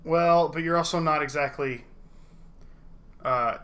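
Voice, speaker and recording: A man runs a tabletop role-playing game, narrating in a relaxed way. His voice sits a touch high, and he often pauses to think and restarts his sentences. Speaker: game master.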